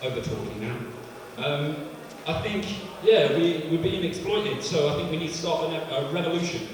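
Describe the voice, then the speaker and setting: A man's voice: a little high, lively intonation, normal speed, a little hiss or hum. Sardonic young man doing stand-up. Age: 20s. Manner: sardonic, rambling, bursts into shouting. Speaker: stand-up comedian. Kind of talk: live stand-up set. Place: live comedy venue. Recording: echoey hall from far off, crowd.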